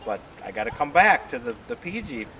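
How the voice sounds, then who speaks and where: A man's voice: mid-range voice, sing-song, fairly quick, a bit bright, slight background noise. A man hosting a casual homebrewing vlog, rambling and thinking aloud with lots of fillers, recorded on a porch. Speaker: homebrewer host.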